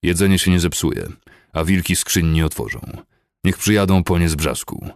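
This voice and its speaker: A man's voice: low voice, moderate pace, creaky, no echo, studio quality. A man voicing a furious, cold and violent cavalry colonel who barks curt orders and erupts into roars. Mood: curt commanding.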